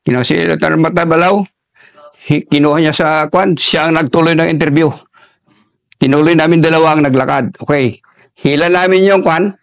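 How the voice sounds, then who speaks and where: High-pitched gravelly older man. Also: steady tone, no echo, clean studio sound. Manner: halting, restarts often while recalling combat. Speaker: army veteran guest. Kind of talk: war story told in an interview.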